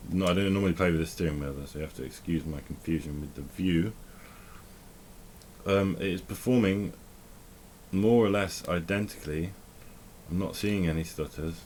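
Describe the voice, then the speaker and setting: Low-voiced man rambling over gameplay. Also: normal speed, a little mellow, slight background noise. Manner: rambling, self-correcting, thinking aloud while playing. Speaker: tech vlogger. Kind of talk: casual gameplay commentary.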